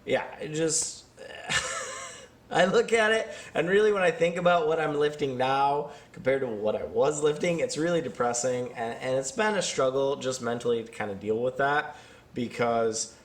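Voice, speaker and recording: A man's voice: medium pitch, moderate pace. A man in his thirties talking casually about his training and commenting on workout footage, rambling and self-deprecating, with many fillers and restarts. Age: 30s. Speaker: vlogger and strength athlete.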